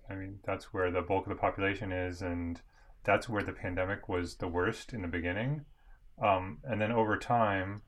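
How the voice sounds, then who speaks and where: A man from the United States with a very deep voice speaks as an interview guest. He talks thoughtfully, pausing and restarting as he explains his reporting. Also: a bit bright. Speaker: photojournalist.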